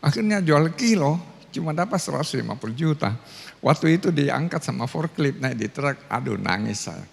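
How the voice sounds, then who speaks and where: Gravelly-voiced pastor in a reverberant hall. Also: male voice, on the high side, normal speed. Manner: storytelling, animated, acts out other voices. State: ill with cancer. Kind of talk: testimony sermon. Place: large church venue.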